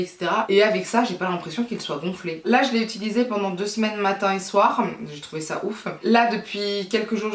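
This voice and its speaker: A woman in her thirties from France, casually reviewing beauty products in a chatty, repetitive way with frequent hesitations. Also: mid-range voice. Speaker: beauty vlogger. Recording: roomy sound from a distance.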